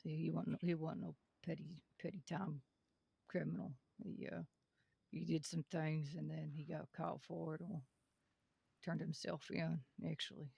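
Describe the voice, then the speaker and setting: A man role-plays a young lawman in a game, earnest and folksy. His is heavily creaky and husky, sitting a bit high for a man. He speaks in a measured, hesitant way with little swing in pitch. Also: little pitch movement, a little mellow, no room sound, highs cut off, exaggerated voice. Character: young Western lawman, son of a reformed outlaw, earnest. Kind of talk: improvised Western role-play.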